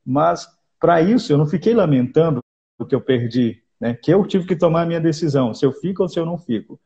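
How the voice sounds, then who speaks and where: Brazilian guy hosting a podcast, gravelly voice, dull lo-fi sound, pushy pep talk. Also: on the high side, expressive, fast talker, mellow. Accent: Brazilian Portuguese. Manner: emphatic, repeats words, preachy pep talk. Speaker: podcast host. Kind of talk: casual interview chat.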